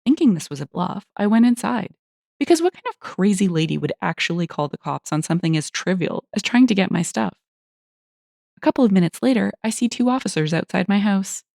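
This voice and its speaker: A woman narrating internet stories in an animated, expressive, casual way. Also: medium pitch, brisk, creaky, no echo, clean studio sound. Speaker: story narrator.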